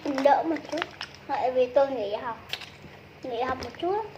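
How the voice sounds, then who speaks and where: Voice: sits high, normal speed, a little mellow, lo-fi sound. A youngster chatting casually to viewers during a meal as part of a small video channel. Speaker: YouTube channel member. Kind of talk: casual mukbang chat while eating. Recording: clearly noisy home-made recording.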